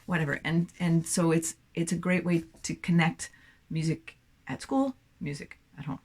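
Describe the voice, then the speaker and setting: A middle-aged woman teaching an elementary music lesson, speaking clearly and in a friendly way. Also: lowish voice, fairly even intonation, moderate pace, a little mellow. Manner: clear, friendly classroom delivery. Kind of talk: teaching demonstration.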